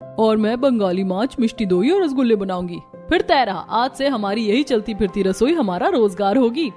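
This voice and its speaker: A woman's voice: a little high, expressive, normal speed, darkish tone, natural voice. A woman voicing a kind, resourceful young Bengali daughter-in-law in a cartoon family story. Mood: keen. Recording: music under the voice.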